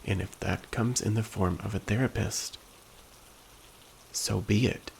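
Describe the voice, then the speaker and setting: Hushed, deeply creaky man giving ASMR encouragement. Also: fairly even intonation, unhurried, a little hiss or hum, low-quality recording. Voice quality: low, very creaky. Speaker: ASMR host. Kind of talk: soft-spoken ASMR pep talk.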